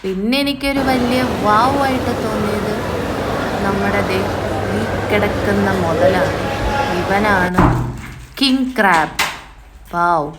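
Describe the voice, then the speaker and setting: A woman's voice: mid-range voice, takes it slowly, long pauses, loud music behind the voice. A woman with a Kerala Malayali accent casually narrating a vlog, mixing English words into Malayalam. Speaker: vlogger. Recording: very noisy, with vehicle-like ambience.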